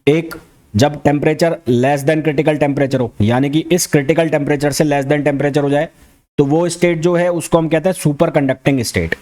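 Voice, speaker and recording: A man with an Indian accent teaching a fast revision physics lecture, talking quickly and repeating key terms back as questions. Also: fairly high pitch, steady tone, a little mellow. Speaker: physics educator.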